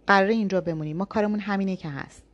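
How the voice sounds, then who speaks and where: A woman's voice: medium pitch, lo-fi sound, a little hiss or hum, close to an everyday voice. A woman voicing a hot-tempered young man. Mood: curt, sarcastic. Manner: harsh, shouting, then soft and pleading. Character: brooding volatile young man, the lover. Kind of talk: audiobook reading.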